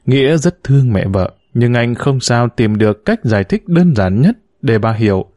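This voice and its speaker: A male narrator reads a novel aloud as an audiobook, steady and measured. His voice is warm and mellow at a middle pitch. The recording is dry and close, without any room sound.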